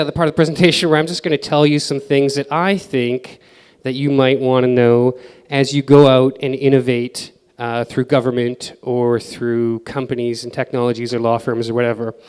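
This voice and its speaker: Male conference speaker, relaxed filler-laden delivery, clear voice with hall echo. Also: mid-range voice. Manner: casual, filler-heavy advice with acted-out quotes. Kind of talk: conference presentation. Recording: reverberant hall.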